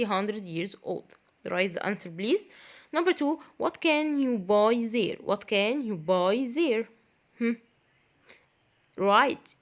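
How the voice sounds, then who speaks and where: A woman teaching a primary school English lesson, who repeats key phrases, quizzes her pupils and praises their answers. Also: medium pitch. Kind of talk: classroom grammar lesson.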